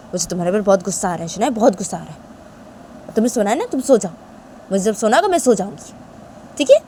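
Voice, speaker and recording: A woman's voice: mid-range voice, expressive, fast talker, a little hiss or hum, natural voice. A woman voicing a hot-tempered young woman who scolds her lover and repeats her angry words. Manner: forceful, repeating angry phrases. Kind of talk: amateur storytelling role-play.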